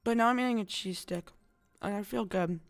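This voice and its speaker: A woman's voice: mid-range voice, a little fast, no echo, clean studio sound. A young woman streaming a casual chat, rambling and chatty with lots of fillers. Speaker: VTuber streamer.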